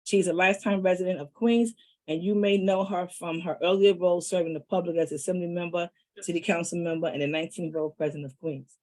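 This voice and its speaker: A woman's voice: on the low side, fairly even intonation, fast, a little mellow, low-quality recording. A woman hosting an online meeting reads a prepared introduction of the guest speaker, with a few "um" fillers at the start. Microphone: video call.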